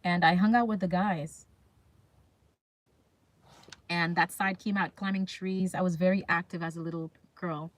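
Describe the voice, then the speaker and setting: A woman with a lowish voice and fairly even intonation hosts a casual livestream chat at a measured pace, with long pauses. She talks directly to viewers, reads comments aloud and frequently asks them questions in a chatty way.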